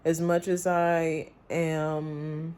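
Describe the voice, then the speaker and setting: A woman speaking candidly in a personal vlog, confiding and reflective, with halting phrases and pauses. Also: deep voice, little pitch movement, a little mellow, clean tone. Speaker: vlogger.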